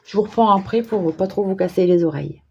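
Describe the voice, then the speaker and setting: A woman's voice: mid-range voice, fast talker, mellow, dull audio, slight background noise. A woman chatting casually as she works on an art journal page, thinking aloud with hesitations and small self-mocking remarks. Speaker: craft vlogger. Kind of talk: casual crafting commentary.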